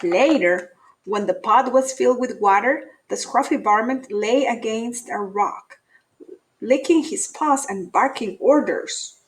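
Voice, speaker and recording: A woman's voice: a little high, unhurried, poor audio. A woman teacher reading a children's story aloud expressively to young pupils. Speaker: elementary school teacher.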